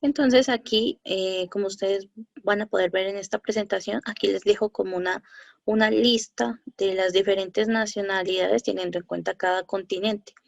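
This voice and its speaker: Woman, slide lesson, halting with fillers, slightly gravelly, muffled dry recording. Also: mid-range voice, fairly even intonation, dry recording. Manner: halting, many fillers and self-corrections. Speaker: French teacher.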